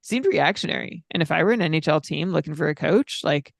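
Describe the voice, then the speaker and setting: A man with a slightly high, gravelly voice, talking through numbers in a measured, filler-laden podcast chat. The recording is dry and close. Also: lively intonation, no echo. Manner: stat-heavy, measured, frequent fillers. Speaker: podcast co-host.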